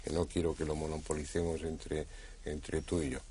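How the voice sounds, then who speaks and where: Man, talk show host, very low voice, husky, measured, hesitant. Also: level tone, mellow. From Spain. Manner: measured, thoughtful, frequent hesitations. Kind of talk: moderating a studio discussion.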